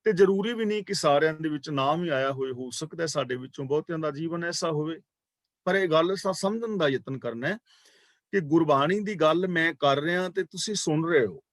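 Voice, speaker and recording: A man teaching a scripture class, chanting verses slowly and then explaining them in a calm, measured way, repeating key words for emphasis. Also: fairly high pitch, dry recording, studio quality.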